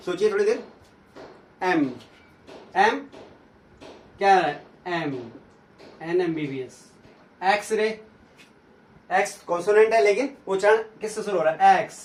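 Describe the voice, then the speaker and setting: A man teaching an English grammar lesson, asking questions and answering them himself while repeating sounds slowly. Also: high voice, slight background noise. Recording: echoey room, from a distance.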